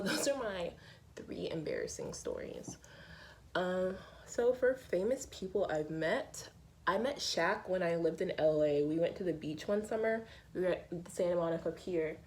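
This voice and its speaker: Casting: young woman vlogger, lowish voice, animated storyteller, faint room hum behind. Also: vocal fry, low-quality recording. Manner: animated, acts out quotes in a higher voice. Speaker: beauty vlogger. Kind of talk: casual chatty storytelling.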